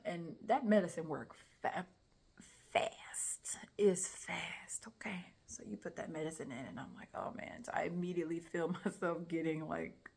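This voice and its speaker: A woman's voice: fairly low pitch, a little slow, gravelly, husky. Emotional young woman telling a personal story. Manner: emotional, animated retelling with soft whispered asides. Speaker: testimony speaker. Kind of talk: personal testimony, casual storytelling.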